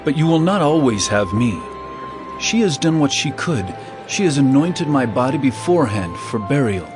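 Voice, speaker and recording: An actor playing Jesus as a calm, authoritative male teacher, speaking in an earnest, measured way. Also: mid-range voice, lightly acted. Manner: earnest, measured scripture delivery. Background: music score.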